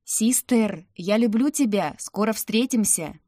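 A woman voicing a soft-spoken younger brother. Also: medium pitch, expressive, a little slow, dry recording, studio quality. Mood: gentle. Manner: soft, thoughtful. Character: gentle worried teenage brother.

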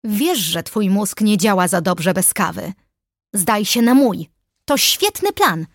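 A woman's voice: medium pitch, animated, moderate pace, slightly rough, no room sound, clean studio sound. A woman reading an audiobook, voicing a bubbly, pushy young woman friend who chatters on. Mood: teasing. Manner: chirpy, chattering.

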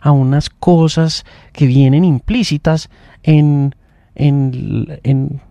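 A man hosts a morning radio chat, thinking out loud in long reflective stretches. His voice is mellow and sits a bit high. The studio sound is dry and close. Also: slow pace, creaky, no room sound, dull audio. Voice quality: talks in long, reflective runs with restarts. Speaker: radio host.

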